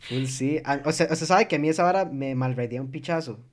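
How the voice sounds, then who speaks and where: A man's voice: fairly high pitch, quick pace. A young man with a Costa Rican accent chatting casually with friends, slangy and loose, dropping English swear words into his talk. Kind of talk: casual group chat.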